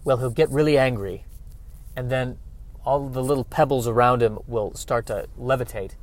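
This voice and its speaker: A man voicing an alien father who calmly explains nonsense science to his wife in a low, patronizing tone. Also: normal speed, natural voice.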